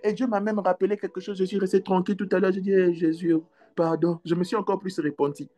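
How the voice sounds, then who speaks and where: A man with a high voice preaching a lively sermon. He acts out short exchanges with his flock and breaks into sudden loud cries. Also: very fast. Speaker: pastor.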